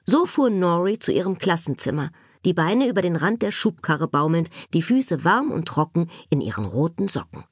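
A woman narrates a children's audiobook with playful, expressive delivery. Her voice is low and husky, swinging widely in pitch, recorded dry and close on a studio mic. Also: normal speed, dry recording.

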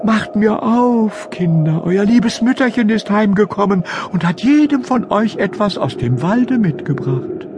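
A man's voice: high voice, lively intonation, unhurried, hardly any pauses, background noise, voice pushed up. A man voicing a cunning wolf in a fairy-tale audiobook, coaxing in a falsely sweet voice and turning menacing. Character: cunning big bad wolf faking a sweet mother's voice.

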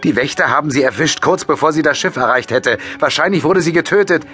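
A man's voice: fairly high pitch, fairly quick, soft background music, pitched above the performer's own voice. A man playing a blunt ship commander. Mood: doubtful. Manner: flatly contradicting. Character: doubtful male airship commander.

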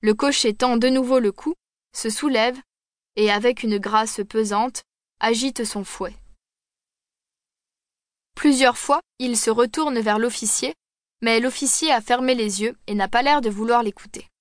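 Woman reading a classic story, measured. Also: fairly high pitch, no echo. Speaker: audiobook narrator. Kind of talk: audiobook narration of a classic story. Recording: dry, close studio sound.

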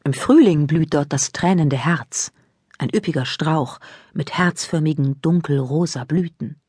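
A woman narrating a children's audiobook in a calm, even storytelling manner. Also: low-pitched, measured pace, slightly rough, no room sound, studio quality.

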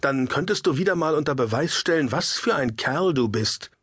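A bitter, wounded youth snaps back with sarcasm, voiced by a man reading an audiobook. The voice is pushed much higher than the reader's own and stays husky. The recording is dry and close. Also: animated, moderate pace, fairly bright tone, no room sound, heavily acted. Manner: biting and sarcastic.

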